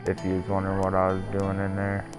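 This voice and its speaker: Deep-voiced man streaming. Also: completely flat delivery, quick pace, music in the background. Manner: crude, joking, laid-back. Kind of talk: casual live game commentary.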